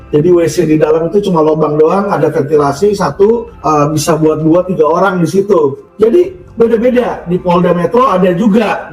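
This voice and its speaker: A man's voice: high-pitched, reverberant, recorded from a distance, low-quality recording. A man, a lawyer, earnestly telling his story to listeners in an emphatic, preachy way with frequent asides to his audience.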